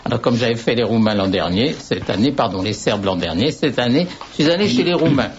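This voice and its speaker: A man's voice: mid-range voice, expressive, brisk, a little hiss or hum. An older man, a radio guest, telling rambling anecdotes with wry asides. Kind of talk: radio conversation. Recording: dull radio sound.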